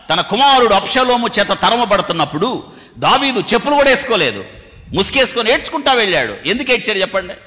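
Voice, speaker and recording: A bright, fairly high male voice with a lively, swooping delivery, preaching a sermon and calling on the congregation to respond. He slips English phrases into his preaching. The sound carries a long reverb, as in a large hall. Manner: animated preaching, calls for audience responses.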